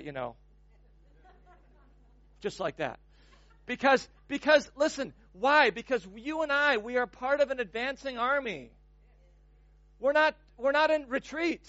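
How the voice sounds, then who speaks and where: High-voiced man preaching, dry and muffled. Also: fairly bright tone, no room sound. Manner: emphatic, repeats words when building momentum. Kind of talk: sermon.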